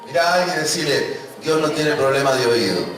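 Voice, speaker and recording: A man's voice: fairly high pitch, animated, a little fast, loud music behind the voice. A man with a River Plate Spanish accent, preaching a sermon and prompting the congregation to repeat after him. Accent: Rioplatense Spanish. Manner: emphatic preaching with congregation call-and-response. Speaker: pastor. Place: church. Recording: echoey church hall from far off.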